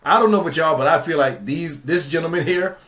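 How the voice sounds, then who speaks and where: A man's voice: on the high side, fast, a bit bright. Rambling man hosting a reaction commentary. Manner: loose, rambling, frequent fillers and restarts. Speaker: commentary channel host. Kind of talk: casual commentary on a clip.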